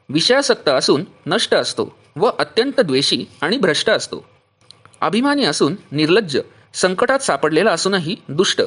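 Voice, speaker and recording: A man reading and explaining a devotional text, listing traits one by one with measured pauses. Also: fairly high pitch, a bit bright, breathy edge. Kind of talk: steady devotional reading of a list.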